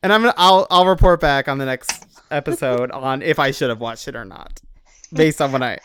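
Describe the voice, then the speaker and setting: A podcast host leading a casual book discussion in a rambling, excitable way. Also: mid-range voice, brisk, a little hiss or hum.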